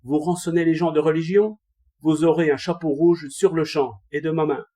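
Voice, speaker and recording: A man reading a storybook voices a fierce monk who mocks and shouts at his foe. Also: mid-range voice, moderate pace, breathy edge, natural voice. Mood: mocking. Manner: mocking, shouting back. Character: brawling mocking warrior monk. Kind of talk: audiobook reading of a classic tale.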